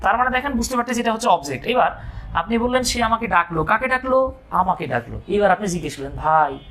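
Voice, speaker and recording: A man's voice: high-pitched, lively intonation, fast, a bit bright. A man from Bangladesh teaching an English grammar lesson, explaining step by step and breaking in with joking asides and questions to his students.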